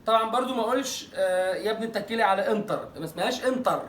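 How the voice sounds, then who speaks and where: A man with an Egyptian Arabic accent teaching English pronunciation in an online lesson. He jokes playfully and draws out example words slowly. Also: high voice, fairly bright tone, reverberant, distant mic, slight background noise.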